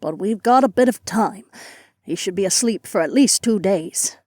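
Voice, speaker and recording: A woman voicing a stern, powerful female sect elder who speaks briskly and with command in an audiobook. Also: medium pitch, expressive, dark tone, no echo, clean studio sound, lightly acted. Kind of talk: audiobook character voice.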